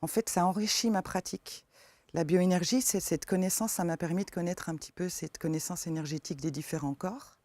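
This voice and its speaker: Speaking as a forest therapy guide in an interview, this eastern French woman carries a faint regional accent and sounds soft-spoken and unsure, with lots of filler words. Her pitch is fairly low and her intonation fairly even, and she talks briskly with no room sound around her.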